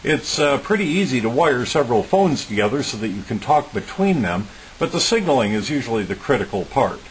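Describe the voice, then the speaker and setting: Speaking at a brisk clip with big swings in pitch, this medium-voiced man walks through a homemade electronics project. He's a hobbyist, and his demo is casual yet methodical, plain and matter-of-fact in tone. Hiss runs throughout the noticeably noisy audio.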